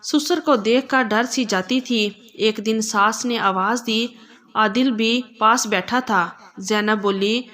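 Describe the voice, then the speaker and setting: A woman narrating a scripted romantic family story, in a calm, even storytelling manner. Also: a little high.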